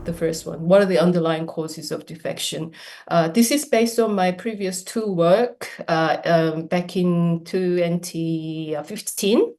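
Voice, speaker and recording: Woman academic presenting; deep, steady lecture delivery. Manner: measured, lecture-like with fillers. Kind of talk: conference presentation.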